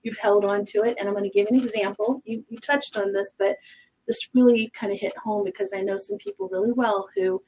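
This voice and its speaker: A woman's voice: a little high, expressive, fairly quick, creaky, a little mellow, slightly rough, low-quality recording. A woman co-hosting a casual talk show as a psychic medium, reflective and emphatic, with hesitant restarts. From Arizona. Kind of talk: casual panel chat.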